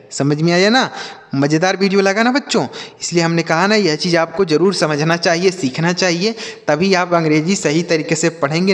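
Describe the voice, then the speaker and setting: High-voiced male teacher, slow spelling drills. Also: big-room sound. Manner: spells words letter by letter, then repeats them slowly; asks questions and answers them himself. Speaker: English reading teacher. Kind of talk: spoken lesson for children.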